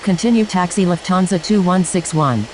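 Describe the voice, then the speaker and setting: A woman's voice: lowish voice, moderate pace, darkish tone, a little hiss or hum, rough recording. A woman giving clipped, scripted aviation calls over a pilot headset radio. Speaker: air traffic radio voice.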